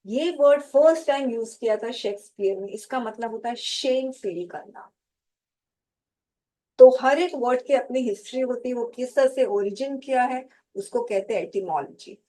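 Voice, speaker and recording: A woman teaching a vocabulary lesson to exam students, speaking slowly and deliberately, spelling out and repeating each term. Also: a little high, mellow, poor audio. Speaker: English teacher for competitive exams. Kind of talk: slow classroom lecture, mixing Hindi and English.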